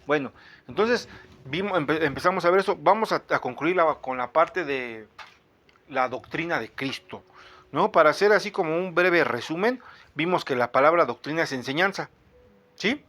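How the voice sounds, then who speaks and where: A man's voice: fairly high pitch, animated, moderate pace, fairly bright tone. A man, a pastor who leads a fervent prayer and then teaches the Bible in a conversational way.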